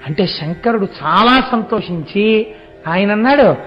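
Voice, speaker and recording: High-voiced man giving a devotional discourse. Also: animated, a little slow. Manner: storytelling, acting out quoted dialogue. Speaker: religious discourse speaker. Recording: dull lo-fi audio with faint music.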